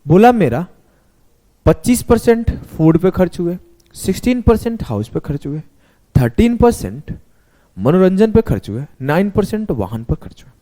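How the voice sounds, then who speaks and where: Lively, mellow-voiced male math teacher. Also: high-pitched, moderate pace. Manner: animated, talks students through step by step, spells words letter by letter. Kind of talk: classroom lesson explanation.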